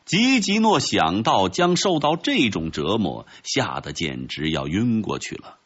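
A husky-voiced man reading a storybook aloud with very lively, swooping pitch. His voice sits fairly low and the recording is dull and lo-fi. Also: a little slow. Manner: expressive, dramatic storytelling. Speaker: narrator. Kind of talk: storybook narration.

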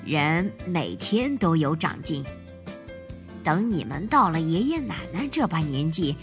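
Lady doing a wise old grandpa bear, lower and slow, chuckly, storybook voice. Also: big pitch swings, music in the background. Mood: gentle. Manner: slow, warm-hearted, chuckling.

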